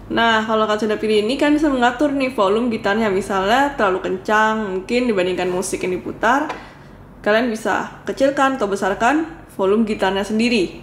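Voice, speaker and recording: A woman's voice: fairly high pitch, fairly quick. A woman reviewing a product in a casual demo, talking viewers through it step by step in a chatty way. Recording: echoey room with faint noise.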